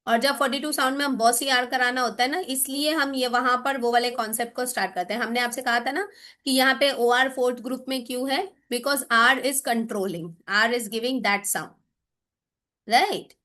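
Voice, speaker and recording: Bright high-voiced woman teaching slowly. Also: steady tone. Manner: explanatory, sounds out letter sounds and drawn-out example words. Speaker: phonics teacher trainer. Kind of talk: teacher-training lesson, switching between English and Hindi.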